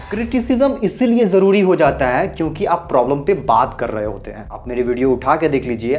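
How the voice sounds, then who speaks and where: A man's voice: on the high side, a little mellow. A man from Bihar gives earnest commentary, asking rhetorical questions and mixing in English terms. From Bihar, India. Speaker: YouTube commentator. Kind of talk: explanatory social commentary.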